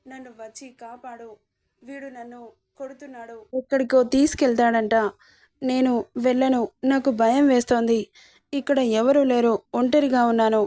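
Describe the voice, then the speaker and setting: A woman's voice: high voice, fairly even intonation, moderate pace, warm tone, close to an everyday voice. A woman voicing a scared young girl who was married off as a child, pleading tearfully in a storybook narration. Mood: frightened pleading.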